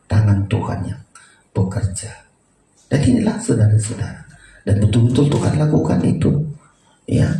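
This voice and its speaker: A man preaching a sermon as pastor, with sudden loud high bursts. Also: gravelly, far from the mic, a little hiss or hum. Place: church. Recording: echoey church hall from afar.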